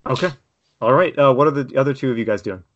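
A man's voice: medium pitch, quick pace, fairly bright tone. A man narrates as game master for a tabletop game. He describes each scene in a loose, meandering way, with plenty of fillers and restarts. The recording sounds slightly dull and lo-fi. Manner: loose, rambling description full of "like" and "uh".

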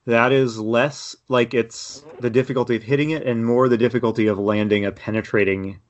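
A man's voice: mid-range voice, steady tone, fairly quick. A man narrates as game master for a tabletop game. He describes each scene in a loose, meandering way, with plenty of fillers and restarts. The recording sounds slightly dull and lo-fi. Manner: loose, rambling description full of "like" and "uh".

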